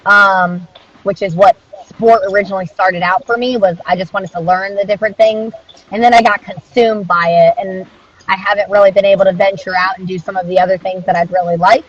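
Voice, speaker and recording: A woman with a husky, mid-range voice is interviewed as a dog trainer, speaking casually, earnestly and reflectively in an informal way. The audio is dull, muffled and lo-fi.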